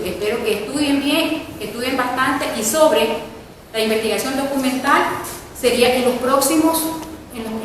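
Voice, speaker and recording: Repetition marks this spelling class, where the teacher keeps confirming with her students using "¿verdad?". Her pitch is fairly high, and background noise accompanies the echoey, distant-mic recording.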